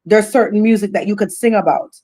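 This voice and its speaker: A woman speaks as a reggae singer on a podcast. She talks boldly and with animation, laughs often, and comes back to her points again and again at a mid pitch. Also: fast talker. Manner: bold, animated, laughs often, repeats phrases. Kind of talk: casual podcast interview.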